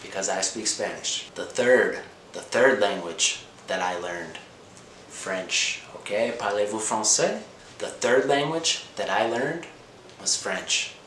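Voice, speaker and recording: The voice is a man's, on the low side and a bit bright, and he takes his time. He's an American channel host from Indiana giving a slow comprehensible-input lesson, repeating basic phrases, asking "okay?" regularly and sometimes switching to Spanish from English. An echoey room adds noticeable background noise.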